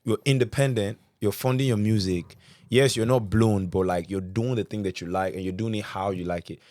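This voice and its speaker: A man's voice: on the low side, steady tone, fairly quick, darkish tone, dry recording, clean studio sound. A man with a South London accent talking casually and slangily as a musician being interviewed. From South London, England. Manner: slangy, often addressing listener as bro. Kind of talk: casual chat.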